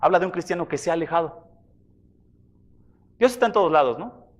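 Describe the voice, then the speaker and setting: High-voiced man preaching a sermon. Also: lively intonation, a little fast. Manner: conversational preaching, addresses listeners as brothers. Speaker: pastor.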